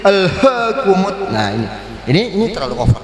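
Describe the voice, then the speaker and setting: A man teaching Quran recitation rules in a mosque, breaking into slow chanted verses and quizzing his students. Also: on the high side, expressive. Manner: quizzes the class. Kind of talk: tajwid lesson with chanted recitation. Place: large mosque hall. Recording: echoey mosque hall with crowd.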